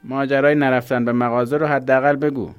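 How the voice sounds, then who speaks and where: A man's voice: medium pitch, little pitch movement, clean tone, soft background music, pitched above the performer's own voice, lightly acted. A man doing a kindly, insistent father. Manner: warm but firm.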